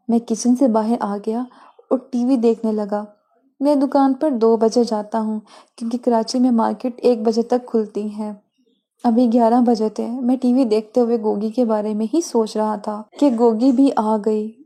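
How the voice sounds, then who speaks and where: A woman narrating a first-person story at an even, unhurried pace and reading out the dialogue. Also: a little high.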